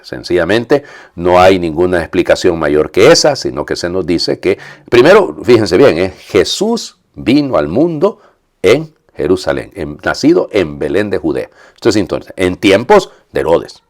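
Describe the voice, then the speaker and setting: A man preaching a homily as a priest, teaching with frequent asides to the congregation and pausing to explain Greek words. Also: low-pitched. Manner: many fillers and restarts, explains Greek terms. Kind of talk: Epiphany homily after a Gospel reading.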